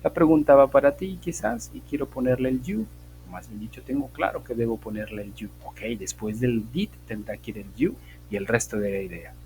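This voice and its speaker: A man's voice: mid-range voice, brisk, darkish tone, soft background music, low-quality recording. A male English teacher, giving an online class and explaining grammar step by step, checking in with frequent "ok?". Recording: faint background hum.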